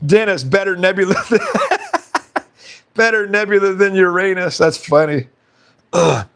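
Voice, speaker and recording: A man runs a relaxed live stream at an unhurried pace, talking casually and reading out what viewers comment. He laughs a lot, and his fairly high voice has a slight hoarseness.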